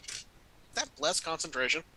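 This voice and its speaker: A man's voice: fairly high pitch, sing-song, normal speed, bright, forceful tone. A man playing at a tabletop game, anxious about his character and swearing bluntly. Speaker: player. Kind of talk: casual tabletop play.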